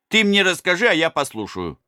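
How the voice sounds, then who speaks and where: A man's voice: high voice, big pitch swings, a little fast, sharp tone, smooth, no room sound, clean studio sound, voice pushed up, heavily acted. A man voicing an old grey-bearded male miller, sly and evasive, talking in a wheedling, coaxing way.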